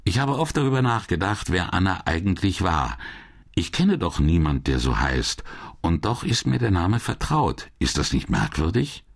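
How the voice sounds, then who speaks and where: A male narrator voicing a young woman in an audiobook, her voice pitched up with a sharp, indignant edge. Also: sing-song, moderate pace, gravelly, breathy edge, heavily acted. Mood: wistful. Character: young woman, frightened and fiery.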